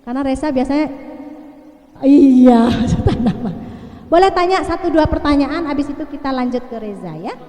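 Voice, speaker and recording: High-voiced woman doctor lecturing in a hall. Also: fast talker, few pauses, darkish tone. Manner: chatty, reassuring, frequent "ya" tags. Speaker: pediatrician giving a parenting talk. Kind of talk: casual lecture with audience Q&A. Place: large hall. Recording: echoey hall, long reverb.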